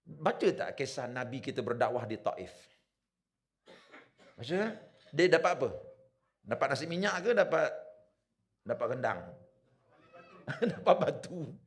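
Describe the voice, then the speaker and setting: A man's voice: mid-range voice, lively intonation, a little slow, long pauses. A man with a Malaysian Malay accent preaching in a village prayer hall, telling stories and asking the audience questions. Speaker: religious preacher. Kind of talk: storytelling sermon.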